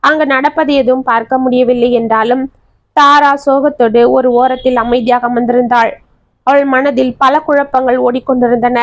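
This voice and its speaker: High-voiced woman narrating a family story. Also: fairly even intonation, normal speed, dry recording. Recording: dry, slightly dull audio.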